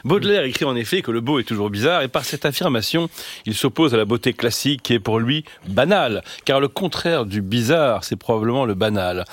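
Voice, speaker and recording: Man, radio philosophy column, explanatory and thoughtful, light hesitations, mid pitch, dry studio sound. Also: expressive, brisk, no room sound. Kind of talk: radio commentary answering a listener.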